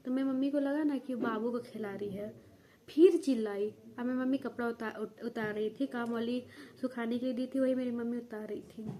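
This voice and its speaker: High-voiced young woman vlogging from home. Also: fairly even intonation, fairly quick, dark tone. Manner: rambling, many restarts and fillers, talks straight to viewers. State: coughing now and then. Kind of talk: casual vlog storytelling. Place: at home, family nearby.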